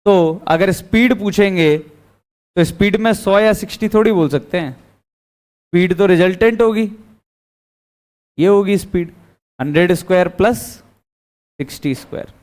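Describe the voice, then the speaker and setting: High-voiced physics teacher quizzing. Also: male voice, normal speed, a little mellow. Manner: quizzing students, answering his own questions. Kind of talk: classroom lecture.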